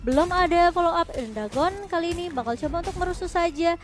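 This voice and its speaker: A woman giving excited, exclamatory play-by-play commentary on a video game match. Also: very high-pitched, fairly quick, over music.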